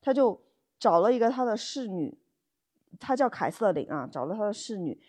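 Her voice sits at a medium pitch, warm and a bit husky, with a sing-song lilt at a normal speed. She co-hosts a podcast and spins casual stories full of colloquial asides and rhetorical questions.

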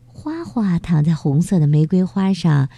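A woman narrating a children's story gently and expressively. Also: on the low side, sing-song, unhurried, gravelly, breathy edge, dry recording.

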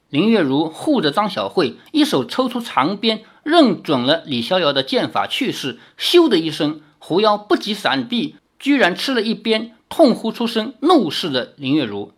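A woman narrating a martial arts novel aloud in an expressive storytelling manner. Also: fairly low pitch. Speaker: audiobook narrator.

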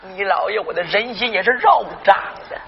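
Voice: medium pitch, a little fast, lightly acted. A folk storyteller voicing a proud 70-year-old grandfather who wails and pleads to save face. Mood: emotional, sobbing. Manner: wailing, sobbing pleas rising to shouts. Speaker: storyteller in a sung-spoken folk duet. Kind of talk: Henan zhuizi dialogue storytelling. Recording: dull lo-fi recording with faint hiss.

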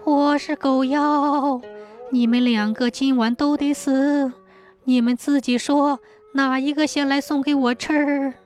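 A woman voicing a menacing dog demon in a folk tale, speaking in a slow, strange, drawn-out way. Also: high voice, fairly even intonation, a little mellow, soft background music, voice pushed up.

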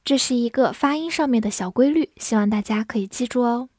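Woman teacher, high-ish voice, dry close sound, spells and reads words slowly. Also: darkish tone, no echo. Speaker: English teacher. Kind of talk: vocabulary lesson.

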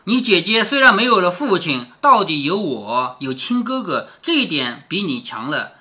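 A man's voice: sits high, big pitch swings, normal speed, sharp tone. Chatty man explaining a classic story. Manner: chatty, asks the listener questions. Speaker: father reading aloud to his daughter.

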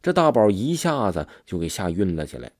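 A man telling a village ghost story in an animated storytelling manner. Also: low-pitched, brisk, dry recording, studio quality.

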